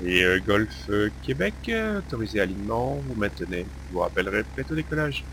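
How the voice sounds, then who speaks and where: A man working as air traffic controller, giving radio clearances in a halting way. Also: fairly low pitch, very animated, a bit bright. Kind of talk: radio clearances with standard phraseology. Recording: noisy radio with engine hum.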